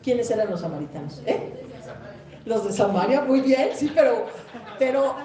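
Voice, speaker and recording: A woman's voice: a little high, animated, normal speed, warm tone. Woman pastor, distant echoey hall. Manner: conversational preaching, quizzes the congregation, acts out quoted speakers. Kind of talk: sermon. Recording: echoey church hall, mic far off.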